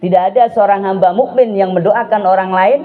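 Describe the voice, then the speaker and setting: A man preaching to a congregation, animated, dropping to a soft murmur and then rising to loud exclamations, asking and answering his own questions. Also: sits high, fairly quick. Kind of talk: religious talk to a congregation. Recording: narrow phone-like sound.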